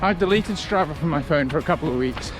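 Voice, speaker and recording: A man talking casually to camera as a running vlogger, in a reflective, conversational way with halting short phrases. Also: on the high side, animated, over music. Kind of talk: casual vlog talk to camera.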